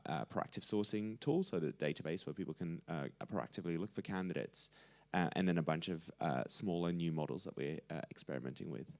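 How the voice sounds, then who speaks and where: A man from the Netherlands introducing himself on a conference panel, relaxed and wry, with many fillers. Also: low-pitched, gravelly. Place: conference stage.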